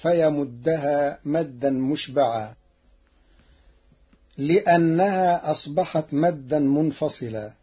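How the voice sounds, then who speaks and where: A man teaching Quran recitation in a formal, measured way, explaining each reading with precision and intoning the verses he quotes. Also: on the high side, slightly rough. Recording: muffled lo-fi recording.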